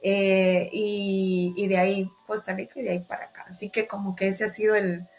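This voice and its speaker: A woman from Ecuador, a life and business strategist, telling her story as a podcast guest in an expressive way. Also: medium pitch, normal speed. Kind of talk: podcast interview.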